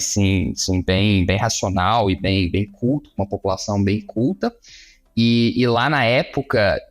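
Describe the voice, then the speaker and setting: Deliberate male lawyer. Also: on the low side. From Minas Gerais, Brazil. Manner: measured, explanatory, searching for words. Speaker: lawyer, guest. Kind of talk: interview guest.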